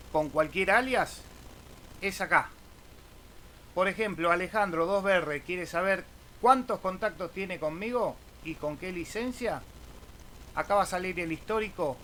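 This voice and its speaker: A high, slightly bright male voice on a low-quality recording with clear background noise. The Argentine amateur radio YouTuber gives a casual, informal screen-share tutorial, habitually ending phrases with a questioning "eh?".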